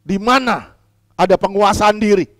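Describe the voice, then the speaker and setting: This male pastor delivers a sermon in a high voice at a moderate pace, questioning the congregation and repeating his central lines. He alternates between forceful, loud emphasis and hushed asides. The audio is dry and studio-clean.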